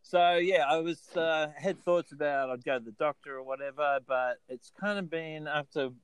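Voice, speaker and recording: A man's voice: on the high side, normal speed, smooth, no echo, rough recording. An Australian man hosting a casual podcast chat in a laid-back, jokey way. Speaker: podcast host.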